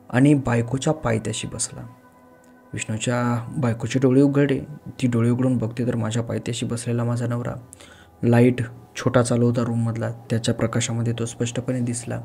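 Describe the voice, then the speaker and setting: A man's voice: medium pitch, a little mellow. A man narrating a horror story in a conversational way, often speaking straight to the listener. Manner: conversational, addresses the listener directly.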